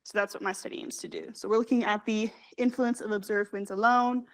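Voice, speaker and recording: A young woman presents her research at a scientific working group. She rushes through her slides, full of fillers and quick self-corrections, in a mid-pitched voice. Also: fairly even intonation. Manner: fast, hurried delivery with frequent fillers and self-corrections. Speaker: graduate student presenter. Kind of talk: scientific conference talk.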